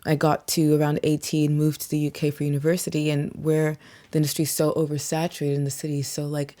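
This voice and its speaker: This young woman, a singer-songwriter from Yorkshire, England, talks through her background in a casual interview chat. She speaks fast in a low, monotone voice with a mixed accent hinting at American and South African inflections, reflective, saying "um" and "like" a lot and laughing softly.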